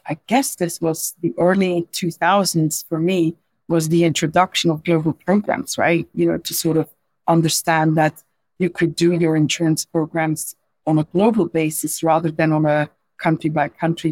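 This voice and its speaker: A Belgian woman in her forties, a non-native English speaker with a Belgian accent, appears as a podcast guest and insurance executive, answering interview questions thoughtfully. She often restarts her sentences and tacks on "right?". Her voice is fairly low and darkish, recorded with no echo but poor audio quality.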